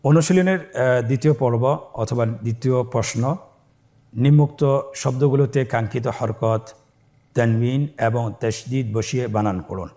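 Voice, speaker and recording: A middle-aged man teaching a step-by-step Quran reading lesson, spelling out letters slowly and then explaining in quicker bursts. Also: medium pitch, mellow.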